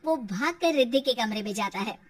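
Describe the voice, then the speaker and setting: A woman calmly narrating an animated story in a measured, storytelling manner. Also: on the high side, slightly rough, no echo, distant mic.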